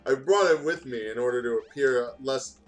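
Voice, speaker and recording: A man with a medium-pitched voice reads fan fiction aloud at normal speed, stumbling over words and stopping to comment. He hosts gaming videos, and music plays behind him.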